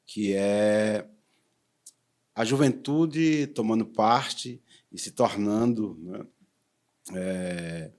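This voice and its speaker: A man from Pernambuco with a Pernambuco accent hosting a TV interview, speaking in a measured, formal way. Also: lowish voice, a little mellow. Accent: Pernambuco Portuguese. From Arcoverde, Pernambuco, Brazil. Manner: measured, formal welcoming phrasing. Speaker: talk show host, poet.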